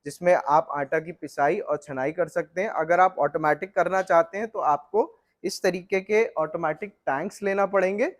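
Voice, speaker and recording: A middle-aged man giving a steady technical walkthrough of flour mill equipment, explaining it directly to the viewer. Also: high voice, normal speed, few pauses.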